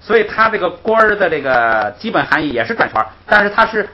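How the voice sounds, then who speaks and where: A man's voice: high-pitched, big pitch swings, fast talker. Patient male teacher, lilt. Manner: patient, repetitive, punctuates with "hey" and soft chuckles. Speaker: Tibetan grammar teacher. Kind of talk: explanatory classroom lecture. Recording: dull lo-fi recording with faint noise.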